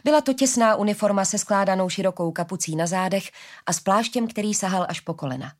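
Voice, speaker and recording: A woman narrating a fantasy story as an audiobook in a calm, steady way. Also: mid-range voice.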